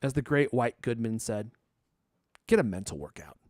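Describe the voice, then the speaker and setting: Speaking at a normal pace with a medium pitch that swings widely, a man hosts a podcast, his tone a little mellow as he jokes, teases, and reads ads with theatrical flair. It's a dry, studio-quality recording.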